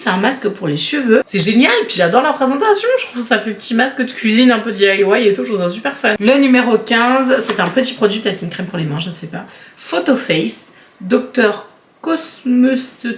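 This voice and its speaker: A woman beauty vlogger chatting casually through an unboxing, giggly and quick to laugh at herself. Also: a little high, reverberant, a little hiss or hum. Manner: chatty, giggly, self-mocking.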